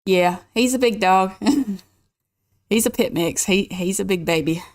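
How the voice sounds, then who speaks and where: A woman hosting a gaming channel, chatting casually and reading game rules aloud at an easy, even pace. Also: medium pitch, unhurried, no room sound, clean studio sound.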